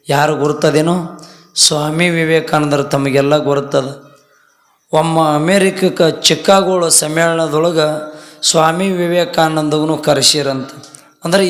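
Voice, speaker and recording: A man preaching a folksy sermon, telling a story and acting out its dialogue, often rising into loud emphatic peaks. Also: fairly high pitch. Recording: echoey hall with faint music.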